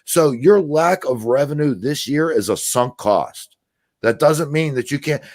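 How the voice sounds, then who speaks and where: A man's voice: fairly high pitch, expressive, a little slow, darkish tone, no echo. A man co-hosting a sports podcast, laying out an argument point by point in an assertive, casual way.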